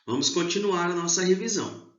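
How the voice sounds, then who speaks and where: A male teacher giving an exam review lesson to schoolchildren, explaining slowly and stressing key syllables. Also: high voice. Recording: echoey room, dull lo-fi sound.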